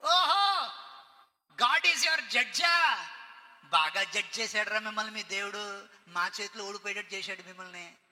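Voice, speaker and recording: A man's voice: extremely high pitch, normal speed, pushed and bright, big-room sound, voice pushed up, full character voice. A man acting out a scornful, mocking Babylonian male official in a sermon. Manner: taunting, jeering.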